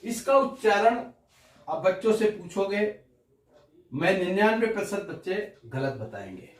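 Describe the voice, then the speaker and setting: Male teacher sounding out letters one at a time, slightly high voice, mic far off, echoey room. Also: sing-song. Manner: slow, deliberate syllable-by-syllable drilling. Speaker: Hindi teacher. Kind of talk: classroom-style pronunciation lesson. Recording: roomy, distant mic.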